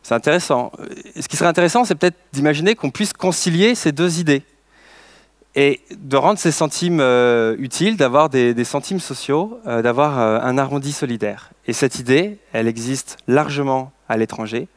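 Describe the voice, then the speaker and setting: A man from France in his thirties tells a story on stage in a mid-pitched voice. He stops often on fillers and restarts, then turns to the audience with playful asides. The sound is close and dry. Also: normal speed, no echo. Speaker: social entrepreneur giving a conference talk. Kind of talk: storytelling conference talk.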